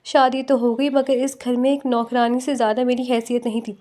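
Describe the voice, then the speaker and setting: A woman's voice: fairly high pitch, level tone, warm tone, natural voice. A woman voicing a desperate middle-aged mother who tearfully tells her story in an audio novel. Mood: mournful. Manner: tearful, pleading.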